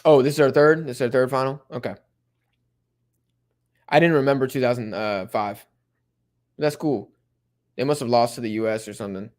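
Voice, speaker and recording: A young man hosting a live football watch-along, chatting casually with viewers and getting excited at big plays. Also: medium pitch, normal speed, pauses often. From Mexico-supporting fan. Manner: laid-back, chatty, bursts of excitement at plays. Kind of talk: casual live commentary and chat reading.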